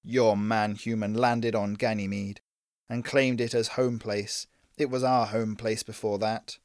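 A man puts on a massive spider-like alien diplomat who talks in short, broken phrases. The delivery is slow and deliberate, with a flat, heavy weight to each word. Recorded dry and close. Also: lowish voice, dry recording, natural voice. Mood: accusing. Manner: slow, broken clipped speech. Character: huge spider-like male alien diplomat, blunt, terse.

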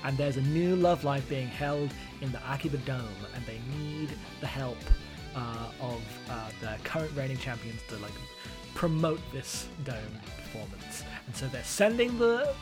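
A man co-hosting a podcast, casually recapping an anime movie in a rambling, amused way with lots of fillers. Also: mid-range voice. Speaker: podcast co-host.

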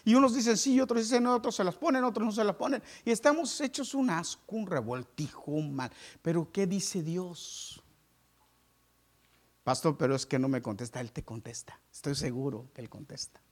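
A male pastor delivers a lively sermon to his congregation. He moves from booming, emphatic questions to quiet, confiding asides. His voice sits somewhat high for a man. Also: a little fast, few pauses. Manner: dynamic preaching, swinging from loud exclamations to hushed asides.

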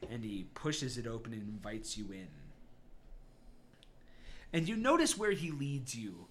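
A man's voice: medium pitch, sing-song, a little slow. A man narrating a tabletop game as game master, laid-back, swearing and laughing often.

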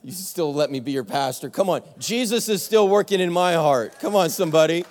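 A young adult male pastor preaching a sermon, telling a story with animated back-and-forth and poking fun at himself. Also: on the high side, a little fast, in a large hall. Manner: animated storytelling, acts out both sides of an argument, self-mocking. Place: church sanctuary.

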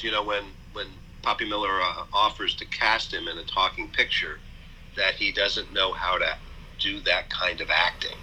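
A man with a low voice and a very bright, forceful tone, talking as a guest in an interview. He speaks in a measured, hesitant way, full of pauses and fillers. A faint hiss sits under the recording. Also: poor audio. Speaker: author and college president, guest. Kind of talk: thoughtful interview talk.

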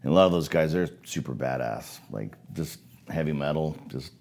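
A Canadian-raised photographer in his forties chats as a guest on a casual podcast, his voice extremely low, gravelly and a little mellow at a moderate pace. He rambles, restarting sentences and leaning on fillers.

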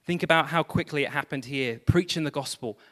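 A man pastor preaching a sermon, animated, with self-deprecating humor and exclamations of praise. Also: on the high side, a little fast, big-room sound.

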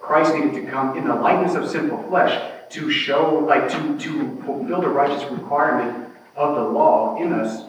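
Halting man speaking from afar. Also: fairly high pitch, noisy background. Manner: halting, searching, with many restarts, reads scripture aloud. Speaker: class participant. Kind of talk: church Bible class discussion. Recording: echoey room, voice from a distance.

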